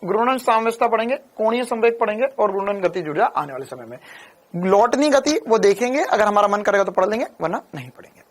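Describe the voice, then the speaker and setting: Lively intonation and a fast pace mark this high-sitting voice of a young man giving a casual Hindi physics lecture. He stays chatty, addressing students as friends.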